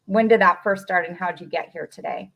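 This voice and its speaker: A woman's voice: on the low side, fairly quick, vocal fry, a bit bright. A woman in her thirties hosting a podcast, interviewing a guest over a video call in an encouraging way. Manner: encouraging, laughs easily. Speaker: podcast host. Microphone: video call with a desk microphone.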